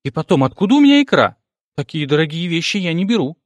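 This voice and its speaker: A man voicing a giddy, excitable young pregnant woman who gushes and squeals on the phone in an audiobook. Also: high-pitched, fairly quick, dry recording, voice pushed up. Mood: whiny. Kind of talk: audiobook character voice.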